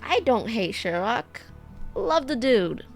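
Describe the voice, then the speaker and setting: A woman's voice: a little high, big pitch swings, takes it slowly. A woman giving chatty let's play commentary as a VTuber, reading game text aloud and making playful asides. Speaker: VTuber streamer. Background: faint game music.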